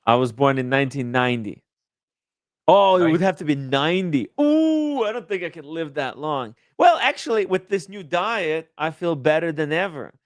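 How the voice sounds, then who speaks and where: A man in his thirties hosting a casual livestream chat, eager and quick to react with loud exclamations. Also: on the high side, animated, dry recording, clean studio sound. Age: 30s. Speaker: livestream host.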